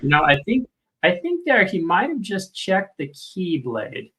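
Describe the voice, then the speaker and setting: Bright-voiced man casually narrating video clips. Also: high voice, sing-song, unhurried. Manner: thinking aloud, informal narration. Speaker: video host reviewing footage. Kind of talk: casual live commentary over video clips.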